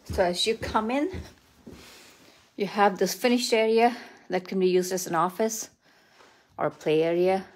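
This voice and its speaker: A woman's voice: medium pitch, a little slow, pauses often, darkish tone. A middle-aged woman, a real estate agent, giving a casual, unscripted house tour with upbeat praise for what she shows. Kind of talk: casual, unscripted walk-through tour narration. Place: indoors, walking through a house. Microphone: handheld phone.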